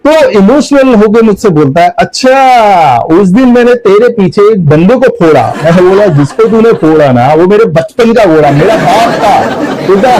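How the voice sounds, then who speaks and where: A young man performing stand-up comedy, telling animated stories with acted dialogue and sudden shouts. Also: on the high side, slight background noise, rough recording. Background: audience laughter.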